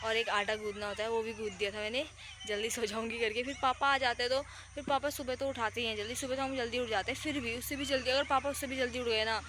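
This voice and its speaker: A woman's voice: on the high side, fairly even intonation, fast talker. A young woman from India, rambling on about her day as a casual vlogger. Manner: chatty, rambling storytelling. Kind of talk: casual vlog narration. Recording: noisy outdoor phone audio.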